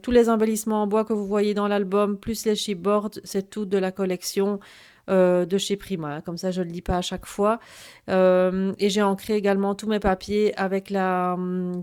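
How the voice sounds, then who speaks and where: A woman's voice: mid-range voice, a little mellow. A woman hosting a casual craft presentation with a noticeable accent. She talks hesitantly, with many fillers and restarts. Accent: noticeable French accent. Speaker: craft video host.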